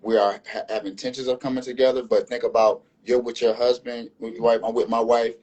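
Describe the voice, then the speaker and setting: Husky guy on a live call, earnest, keeps circling back and repeating himself to hammer the point. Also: medium pitch, flat delivery, brisk, darkish tone, dull audio. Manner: earnest, repeats and restarts phrases while building his point. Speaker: panel guest. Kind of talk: impassioned live discussion.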